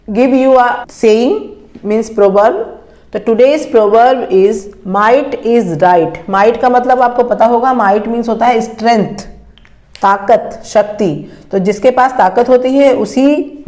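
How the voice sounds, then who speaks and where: Slow-speaking woman teaching grammar. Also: on the high side, darkish tone, roomy sound. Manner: slow, deliberate dictation of English sentences. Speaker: English teacher. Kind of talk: bilingual grammar lesson.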